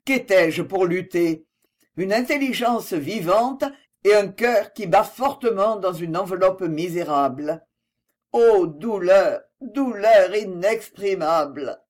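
A man's voice: high-pitched, animated, takes it slowly. A reader voicing a bitter, jealous man in an audiobook, speaking sharply and sarcastically in a raised, strained voice. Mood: anguished. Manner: sharp, sarcastic and pleading by turns. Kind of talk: audiobook dialogue reading.

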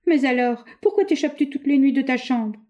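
A woman reading aloud, voicing a jealous, suspicious young wife in an insistent, high, agitated voice. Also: brisk, warm tone, highs cut off, lightly acted.

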